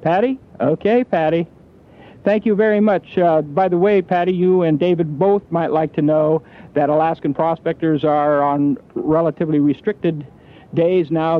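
A genial radio host with a fairly high voice runs his call-in show in an easy, chatty manner, dropping in frequent fillers as he talks. His broadcast comes through thin and tinny, like an old phone line. It has the sound of a small station studio. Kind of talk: on-air call-in radio giveaway patter.

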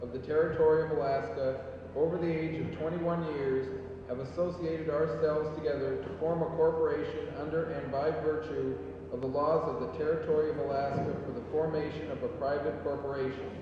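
A man with a slightly high voice reads formal legal wording deliberately. He sounds distant, in a muffled recording with clear background noise. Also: level tone. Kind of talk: formal reading of a legal document aloud. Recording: echoey hall, distant mic, muffled, noisy.

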